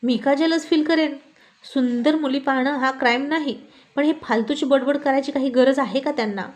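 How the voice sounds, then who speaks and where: A woman voicing a quick-tempered, protective young man who teases his girlfriend in playful banter. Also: on the high side, lightly acted. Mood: irritated. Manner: playful banter with Hindi phrases.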